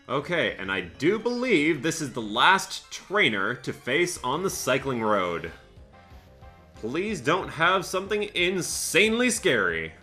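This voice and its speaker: A Let's Play host talks through his game run, chatty and thinking aloud, laughing often. His very bright, sharp voice swings widely in pitch, with faint game music underneath.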